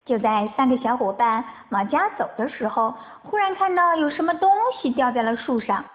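A woman reading a bedtime story to children in an animated, sing-song way, on a tinny phone-like recording. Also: fairly high pitch, moderate pace.

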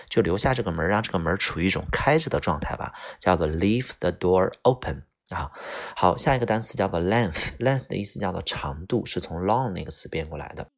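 A man's voice: sits low, vocal fry, slightly rough. A man teaching English vocabulary in Chinese, explaining each word patiently with example sentences and frequent filler particles. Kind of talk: vocabulary lesson.

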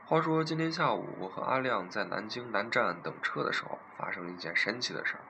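A man's voice: fairly low pitch, animated, fast, noisy background. A young man from eastern China telling a funny story in a playful, amused way. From Zhejiang, China. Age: young adult. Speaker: vlogger. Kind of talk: casual storytelling.

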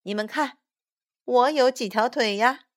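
A woman's voice: a little high, measured pace, natural voice. A woman voicing a big, playful crab who teases the children, in a storybook reading. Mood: teasing. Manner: teasing, amused.

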